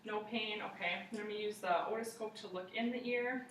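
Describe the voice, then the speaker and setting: A woman's voice: mid-range voice, steady tone, fairly quick, fairly bright tone. Young woman, procedural exam narration, roomy sound, faint background noise. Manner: procedural, step-by-step narration to a patient and observer. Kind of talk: spoken clinical exam demonstration, narrating findings. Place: living room, indoors. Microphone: camera across the room. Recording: roomy, distant camera mic, faint noise.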